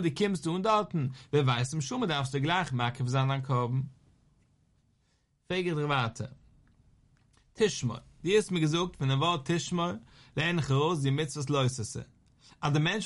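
Man, Talmud teacher, singsong study chant, somewhat high voice. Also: fairly bright tone. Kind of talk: Talmud lesson.

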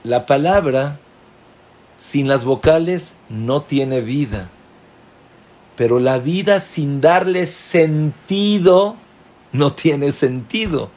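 A man teaching a Torah class, speaking slowly and emphatically, with sudden leaps in pitch on key words. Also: lively intonation, darkish tone. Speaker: rabbi.

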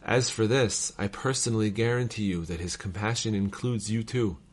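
Low-voiced man reading letters aloud. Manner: measured, formal reading cadence. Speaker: reader of devotional texts.

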